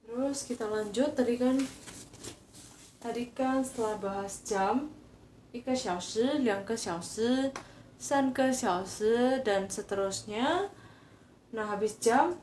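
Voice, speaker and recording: A woman from Indonesia teaches Mandarin in an unhurried live online lesson, walking through each point slowly. Her voice rings in an echoey room with a faint hiss behind it. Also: on the high side, a little mellow. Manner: slow, explaining step by step in casual Indonesian.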